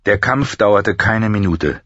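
A man narrating an audiobook with a steady, measured reading. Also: on the low side, no room sound, highs cut off. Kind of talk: scripted narration.

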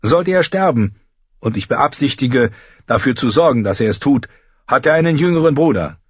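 A grave young lord, stubborn and grim, carried through in a husky register as a man reads him aloud. His pitch moves in lively swings, and the sound is dry and a little dull, like an audiobook. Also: normal speed, dry recording. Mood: earnest. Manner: firm, grim.

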